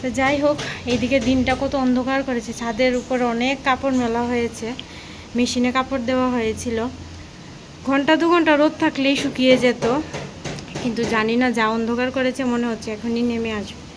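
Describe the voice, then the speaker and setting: A young woman chats through her day at home, a relaxed mother narrating her home vlog. Her voice sits a little high, with faint noise behind it. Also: brisk. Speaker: vlogger, mother. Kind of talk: casual vlog narration and voice-over.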